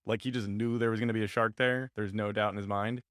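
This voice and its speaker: A man with a fairly low voice talks fast as a podcast co-host. He retells scenes eagerly and fills them with "like". The sound is close and dry. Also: dry recording. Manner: quick, animated retelling with many "like"s and laughs. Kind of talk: casual chat about comics.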